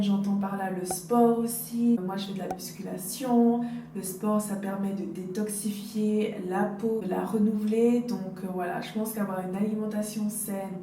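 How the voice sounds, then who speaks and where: This beauty vlogger, in her late twenties and from the Dominican Republic, speaks in a warm, medium-pitched voice. She talks casually to camera from a hotel room, giving personal advice and addressing viewers directly. The audio sounds roomy, picked up by a distant mic, with faint noise behind her.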